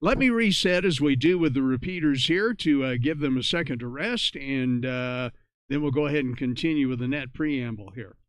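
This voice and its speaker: A man with a medium-pitched voice hosts an amateur radio net, reading announcements and procedural reminders informally and conversationally. He speaks at a normal speed, and there's no room sound.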